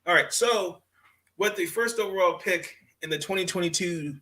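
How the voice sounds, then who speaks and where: Bright-voiced man hosting a sports podcast. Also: high voice. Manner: halting, repeats phrases. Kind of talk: casual unscripted sports talk.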